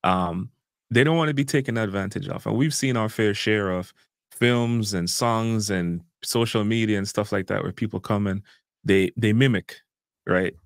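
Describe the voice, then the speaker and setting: A man's voice: fairly low pitch, moderate pace, no echo, clean studio sound. A Jamaican man with a Jamaican accent, earnestly explaining in a casual interview. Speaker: guest language educator.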